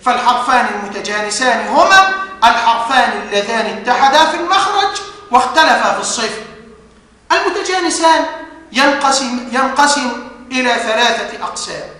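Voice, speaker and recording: A male university lecturer with an Egyptian accent, explaining step by step and slowing down to spell out words. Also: extremely high pitch, lively intonation, pushed and bright. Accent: Egyptian Arabic. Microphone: studio lecture recording. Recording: echoey hall reverb.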